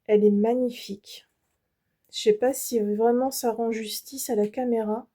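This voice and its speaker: A woman's voice: fairly high pitch, steady tone, normal speed, dark tone. A French woman hosting her embroidery channel, showing off fabrics in a casual, hesitant way with many fillers and restarts. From France. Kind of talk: casual product show-and-tell.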